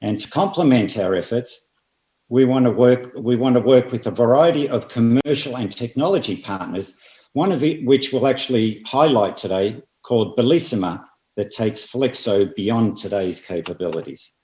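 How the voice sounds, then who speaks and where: An Australian man presenting at an industry seminar, speaking in a measured way and hitting repeated phrases with emphasis. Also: mid-range voice, darkish tone. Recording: roomy, slightly dull audio.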